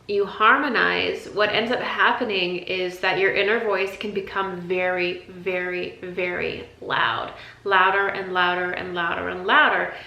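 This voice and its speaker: A woman with a bright, forceful voice talks through a spiritual lesson in a loose, conversational way, often repeating herself and restarting sentences. The sound is roomy and echoey, as if recorded in a bare room. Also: mid-range voice. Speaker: intuition teacher. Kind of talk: casual spiritual teaching talk.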